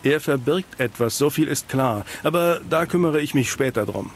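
A world-weary private eye from a fantasy video game, acted by a man, speaking in a cynical noir detective manner. The pitch is middling and the delivery dry. Faint rain sits behind the voice. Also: lively intonation, moderate pace, slight background noise, natural voice. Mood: businesslike, suspicious. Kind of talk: scripted video game dialogue in German dub.

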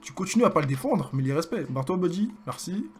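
A young man with a French accent commentating his own basketball video game, excitable and joking as he hypes his plays. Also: high voice, quick pace. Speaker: gaming streamer. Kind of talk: live gameplay commentary.

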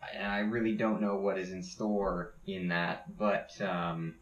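A young gaming YouTuber vlogs casually from home, rambling and swearing with lots of restarts. His voice sits low with a level tone, and he takes it slowly; the home recording is echoey, dull and lo-fi.

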